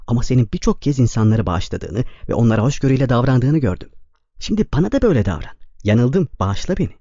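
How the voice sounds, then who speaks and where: A man's voice: medium pitch, sing-song, fast talker, warm tone, no room sound, lo-fi sound. A man reading an audiobook, voicing a hurt, pleading young woman. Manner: reproachful, pleading.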